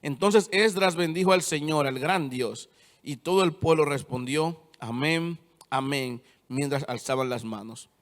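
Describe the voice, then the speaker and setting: A man's voice: a little high, a little slow. Young man preaching in a reverberant hall. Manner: retells scripture, then drives points home with firm repetition. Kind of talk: sermon. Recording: long church-hall reverb.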